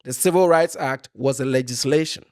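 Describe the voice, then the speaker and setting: A man's voice: mid-range voice, normal speed, a little mellow, no room sound, studio quality. A man giving opinionated commentary off the cuff, arguing emphatically and often checking in with a short tag question. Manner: emphatic, argumentative, checks in with "okay?" and "right?".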